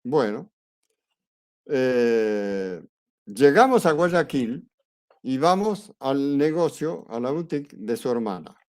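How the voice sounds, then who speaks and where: Male teacher, mid-range voice, relaxed storyteller who voices the people in his anecdote. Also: medium pitch, slow. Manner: lively anecdote, acts out quoted dialogue; conversational, with fillers and restarts. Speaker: astrology teacher. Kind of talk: storytelling in a class.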